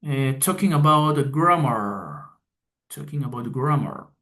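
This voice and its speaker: A man presenting a class talk, reading his slides aloud haltingly, with pauses and restarts. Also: medium pitch, animated, a bit bright. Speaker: student presenter.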